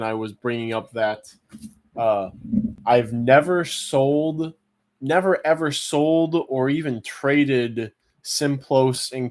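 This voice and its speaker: A man hosting an online auction, chatting casually in a halting, rambling way as he thinks aloud. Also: mid-range voice. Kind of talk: casual live-stream chat.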